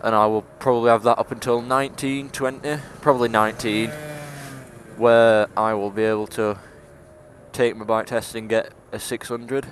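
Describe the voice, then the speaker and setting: With a broad Yorkshire accent, a young man in his late teens from England chats casually as a motovlogger on his scooter outdoors. Though laid-back and laughing here and there, he delivers his lines flatly at medium pitch and normal speed. Engine and traffic noise stay faint behind him.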